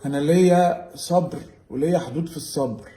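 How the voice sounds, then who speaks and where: A man's voice: on the high side, fairly quick, crowd noise. A young man with an Egyptian Arabic accent, irritated and stubborn in a casual family argument at home. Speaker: family vlogger. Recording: roomy home with faint noise.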